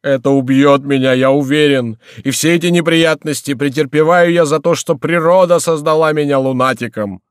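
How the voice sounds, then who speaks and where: A man's voice: fairly low pitch, expressive, moderate pace, dry recording, studio quality. A man voicing a cowardly monk who whines and complains, out of breath. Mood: panicked whining. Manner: whining, complaining. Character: plaintive, cowardly monk on a donkey.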